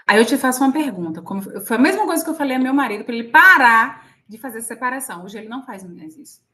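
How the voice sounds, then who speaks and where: A woman's voice: fairly high pitch, expressive, fast talker, sharp tone. A woman with a Brazilian Portuguese accent hosting a casual spiritual livestream from home, chatty and often checking with her audience.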